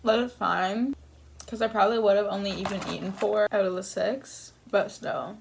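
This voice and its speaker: Creaky-voiced young woman chatting while eating. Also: medium pitch, steady tone, normal speed, slight background noise. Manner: talking between bites while eating; rambling, self-deprecating, casually sweary. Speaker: mukbang vlogger. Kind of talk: casual eating-video chat.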